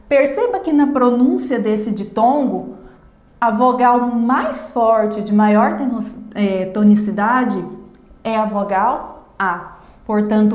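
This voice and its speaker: A Brazilian woman teacher talks through a grammar lesson at an unhurried pace. She pauses to stress each example word as she explains it. Her voice rings in a roomy, echoey space. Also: medium pitch. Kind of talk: recorded online grammar lesson.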